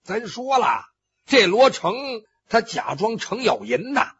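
Guy telling an old story, really animated pitch, crisp bright tone, sound effects thrown in. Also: slow. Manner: vivid, with spoken sound effects and acted cries. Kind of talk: traditional Chinese storytelling. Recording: dull lo-fi recording.

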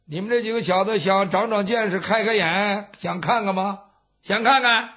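A man voicing a blunt, brash middle-aged warrior who talks gruffly and boasts. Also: high-pitched, normal speed, bright, forceful tone. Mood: boastful. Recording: dull lo-fi recording.

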